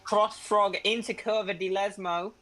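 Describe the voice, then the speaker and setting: A young man with a Northern English accent commentating a sim racing league, joking around and shouting out when cars make contact. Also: high-pitched, fairly even intonation, a little slow, soft background music. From Northern England. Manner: jokey, bursts up loud on contact. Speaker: race commentator.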